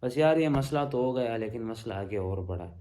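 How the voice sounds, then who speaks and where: A man from Peshawar, Pakistan, telling a story in a casual vlog and acting out the dialogue with animation. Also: mid-range voice. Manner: animated retelling that acts out quoted dialogue. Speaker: vlogger.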